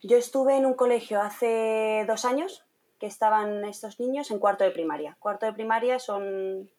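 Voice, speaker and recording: A lively young woman, a content creator and trainee teacher, tells a story as a guest in a casual interview. She's animated, laughs often, and acts out the voices she quotes, speaking at a normal pace in a mid-range voice.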